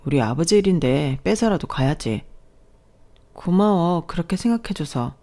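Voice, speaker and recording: 여성이 연기하는 다정하고 착한 젊은 남편이 미안한 듯 부드럽게 말합니다. 낭독자 자신의 목소리와 크게 다르지 않은, 차분하고 조용한 말투입니다. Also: female voice, on the low side, animated, normal speed. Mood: gentle. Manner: apologetic, soft-spoken. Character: gentle kind young husband, soft-spoken.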